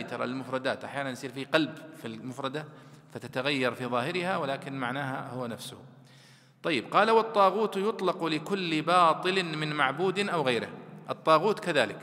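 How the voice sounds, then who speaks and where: A man's voice: medium pitch, fairly bright tone, big-room sound. A man teaching a class on Quran commentary, explaining words at length and reciting classical verses and poetry. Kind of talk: classroom lecture.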